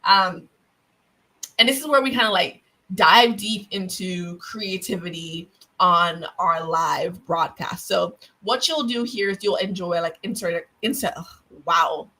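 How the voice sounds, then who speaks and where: A woman's voice: on the low side, a little slow, sharp tone, rough recording. A woman hosting a casual livestream from her home office, chatty and self-deprecating with lots of fillers. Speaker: host and guild president. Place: home office with open windows.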